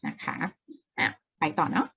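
A woman's voice: a little slow, bright, forceful tone, dull audio. A woman teaching an English exam-prep lesson in a casual way, explaining step by step, repeating key words and asking the viewer questions.

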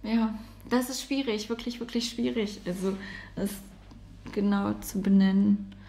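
A woman's voice: medium pitch, steady tone, unhurried, warm tone, a little hiss or hum. A woman from Montenegro being interviewed, thinking aloud hesitantly. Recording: echoey room.

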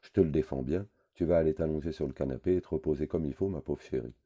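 A man's voice: very deep voice, fast, warm tone, dull audio. A man reading a novel aloud, voicing a bossy housewife who fusses and gives orders. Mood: bossy fussing. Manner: commanding, flustered.

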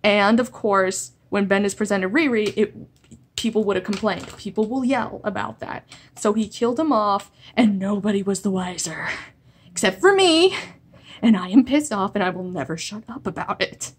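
A woman's voice: medium pitch, lively intonation, moderate pace, breathy edge. A woman ranting in a vlog, exasperated and sarcastic, often stumbling and restarting her sentences. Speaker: comic-book video blogger.

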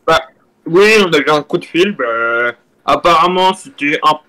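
A man's voice: a little high, lively intonation, a little slow, crowd noise. A man in a live game role-play, speaking hesitantly with many fillers.

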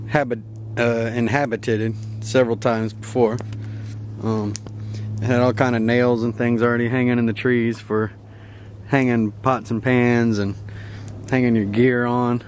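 A young man with a drawl ambles through a casual tour of his woodland camp, chuckling between thoughts. His voice sits at an ordinary middle pitch. The handheld camera picks up a faint outdoor hiss. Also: a little mellow. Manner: laid-back, rambling, chuckling often. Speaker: camping vlogger. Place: wooded riverside campsite outdoors. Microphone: handheld camera mic.

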